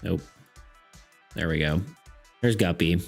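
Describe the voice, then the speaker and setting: A low-pitched, creaky male voice takes its time as a young man streams casually about art and game design. Rambling, laughing, and filling pauses, he remarks that he's losing his voice; faint music sits behind him.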